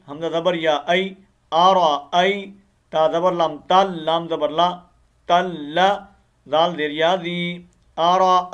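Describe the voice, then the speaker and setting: A man teaching tajweed, slowly reciting verses and then explaining the pronunciation faster. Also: high-pitched. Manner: slow drawn-out recitation switching to quick explaining. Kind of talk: tajweed lesson, spelling and reciting word by word.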